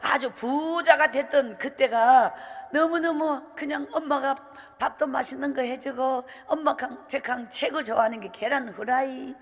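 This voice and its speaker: A middle-aged woman evangelist with a strong Gyeongsang accent preaches at a revival, her voice pitched high. She tells her story in an animated way and acts out every exchange. A long hall reverb trails her words through the church. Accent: Gyeongsang Korean. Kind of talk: revival sermon testimony. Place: church sanctuary.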